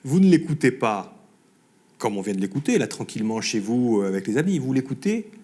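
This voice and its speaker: A man's voice: medium pitch, sing-song, a little fast, darkish tone. A man hosting a television interview, recapping and prompting his guest's story. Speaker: television host.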